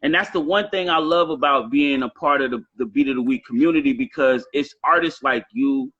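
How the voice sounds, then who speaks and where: A rapper in his late thirties with a Southern US accent chats casually on a live stream show, emphatic and repetitive with heavy swearing. His mid-range voice is fairly quick and slightly rough, and the sound is lo-fi.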